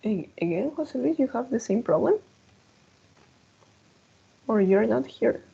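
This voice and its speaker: Slow careful lady english teacher on a video call, explains in too, dull lo-fi sound. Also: on the high side, lively intonation, creaky, mellow, slightly rough. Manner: patient, models words and switches into Spanish to explain. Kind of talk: online class instruction.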